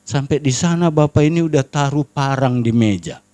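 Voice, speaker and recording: A middle-aged man preaching a storytelling sermon as pastor at a church prayer service, earnestly addressing the congregation as brothers and sisters and dropping to a hushed tone at tense moments. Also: medium pitch, moderate pace.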